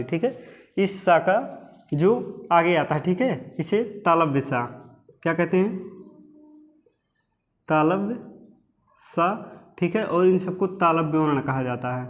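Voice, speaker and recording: A man's voice: fairly high pitch, measured pace, pauses often. A man teaching an exam-prep lesson who repeats each point and keeps checking in with his listeners. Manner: asks questions and answers them himself.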